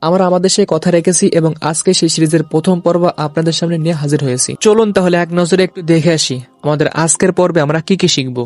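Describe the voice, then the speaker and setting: A man teaching Arabic letter sounds in a video lesson, saying each letter slowly and then repeating it for learners to copy. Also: a little high, a little mellow, faint music behind.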